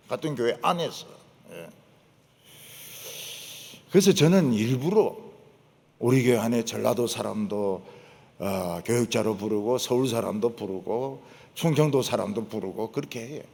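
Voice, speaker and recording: An older man preaching, emphatic, repeating his points and dropping to low asides. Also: normal speed, creaky, long pauses, darkish tone. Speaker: pastor. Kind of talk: sermon. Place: church sanctuary. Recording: long church hall reverb.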